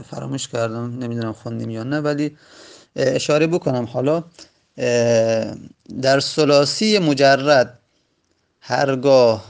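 A man teaching Arabic grammar in a classroom lecture, patient and repeating key points slowly. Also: medium pitch, gravelly.

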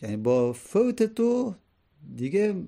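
A male teacher lectures on classical poetry with a mellow, warm tone. His voice sits a little high for a man. He works through the verses line by line and pauses to ask his listeners rhetorical questions. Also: big pitch swings, gravelly.

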